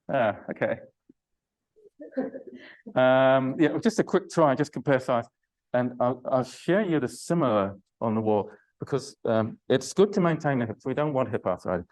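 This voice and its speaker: A man's voice: medium pitch, darkish tone, low-quality recording. An older man leading a Pilates class, chatty and hesitant, with many fillers and restarts, and groaning with effort during self-massage. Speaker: Pilates instructor. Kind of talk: live online exercise class.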